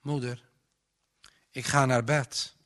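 A man voicing a tired, frightened young farmer's son who speaks in a dull, measured way. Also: medium pitch, flat delivery, a bit bright. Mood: weary.

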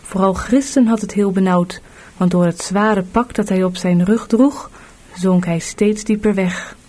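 Woman narrating a kids storybook, mellow soft tone, measured reading. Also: medium pitch, steady tone. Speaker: audiobook narrator.

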